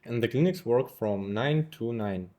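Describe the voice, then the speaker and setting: A man in his twenties interviewing a guest, asking long, rambling questions in non-native English with many pauses. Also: mid-range voice, dark tone. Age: 20s.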